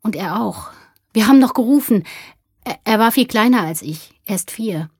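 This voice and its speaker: A woman's voice: medium pitch, expressive, normal speed, a little mellow, breathy edge, dry recording, clean studio sound, voice pushed up. A woman voicing an earnest, stubborn nine-year-old boy in a told story. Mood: distressed. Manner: defiant then shaky, pleading.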